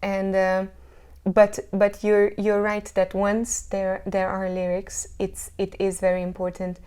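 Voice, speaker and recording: In a relaxed interview, a female singer with a Hungarian accent speaks in a mid-range, monotone voice that is dark and clean, moving a little slowly. She thinks as she answers and frequently starts her sentences over while hunting for the right word.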